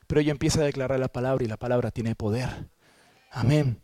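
A man, a pastor telling a personal testimony in a sermon in an earnest, halting way. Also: mid-range voice, mellow, no room sound. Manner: earnest storytelling, with halting restarts.

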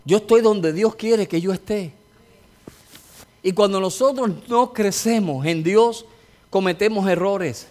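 Male pastor preaching, kinda high voice, gets loud and fired up. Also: unhurried. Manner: preaching with rising fervor, testimony storytelling. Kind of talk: sermon.

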